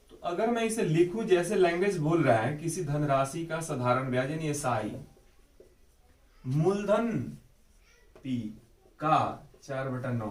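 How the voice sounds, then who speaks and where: A man's voice: a little high, far from the mic. A man teaching exam math, explaining each step patiently and repeating key points to check understanding. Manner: patient, repeats key steps with frequent "ठीक है" check-ins. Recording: echoey room, voice off mic.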